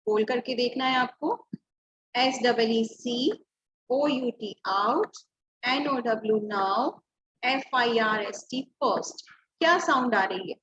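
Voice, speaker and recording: A woman teaching an online class patiently spells out words one letter at a time. Her voice is on the high side and slow, and the audio from the computer or phone mic on the video call sounds dull, with some background noise.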